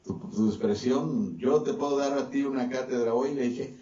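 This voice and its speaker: A man's voice: moderate pace, mellow. A pastor delivers a sermon, his voice climbing and dropping as he preaches. He sounds set back from the microphone in a roomy church hall. The sound is dull and muffled. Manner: preaching with swings between raised and lowered voice. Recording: distant echoey church mic, dull sound.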